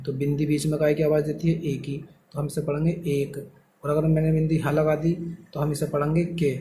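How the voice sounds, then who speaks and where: A man's voice: fairly high pitch, dark tone, slight background noise, low-quality recording. A man teaching a shorthand lesson step by step, explaining patiently and answering his own questions.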